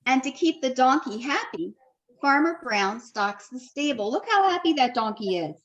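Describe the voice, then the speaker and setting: A woman teacher reading a picture book aloud to young children, with expressive storytelling and friendly asides. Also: high-pitched, normal speed, lo-fi sound.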